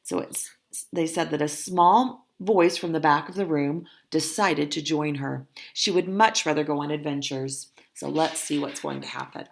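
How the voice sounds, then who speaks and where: A teacher with a low-pitched, gravelly voice reads a children's story aloud expressively. She adds simple, deliberate explanations along the way.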